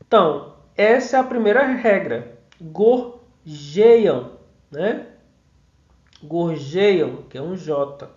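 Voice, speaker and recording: A man giving an online mini-course lecture, explaining step by step, counting syllables aloud and often checking in with tag questions. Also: sits high. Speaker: course instructor. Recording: roomy, dull lo-fi sound.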